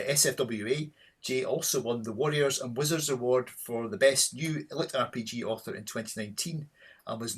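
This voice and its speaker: A man with a husky voice hosting an online reading event. He introduces the next author in a halting way, with many pauses. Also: mid-range voice, fairly bright tone. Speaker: event host.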